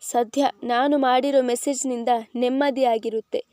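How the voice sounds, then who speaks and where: Young guy grumbling to himself, read by a woman, high and dry. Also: fairly even intonation, moderate pace, darkish tone, no echo, close to an everyday voice. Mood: muttering. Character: young man muttering to himself.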